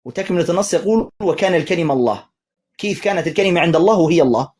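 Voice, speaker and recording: A man's voice: fairly high pitch, animated, rapid-fire, darkish tone, slightly rough. A man, a sheikh, debating religion, pressing his opponent with repeated insistent questions and sarcastic jabs. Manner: mocking, sarcastic.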